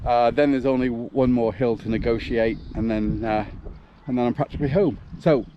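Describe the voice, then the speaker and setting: A man's voice: medium pitch, fairly quick, lo-fi sound. A man out of breath, chatting casually to his vlog while jogging outdoors on an uphill road. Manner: talking while jogging, puffing. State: out of breath, occasional cough. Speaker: running vlogger. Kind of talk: casual vlog chat to camera. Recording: noisy outdoor recording.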